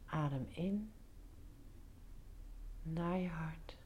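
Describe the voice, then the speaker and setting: A woman guiding a meditation in a soft, breathy near-whisper, soothing, giving short instructions with pauses. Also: deep voice, lo-fi sound, slight background noise. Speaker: meditation guide. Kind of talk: guided meditation.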